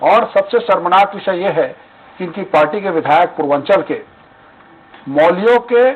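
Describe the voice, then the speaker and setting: Male party spokesman, high voice, accusatory, phone-like audio. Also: expressive, moderate pace, slightly rough. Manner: indignant, accusatory questions. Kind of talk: televised debate argument. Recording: tinny phone-line audio.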